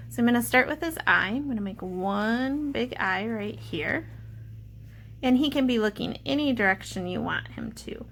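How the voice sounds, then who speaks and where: Medium-pitched and creaky, a woman with a pushed, bright tone speaks over a little hiss or hum. She's an elementary art teacher giving kids simple, playful, step-by-step explanations with playful asides, like in a read-aloud and drawing lesson.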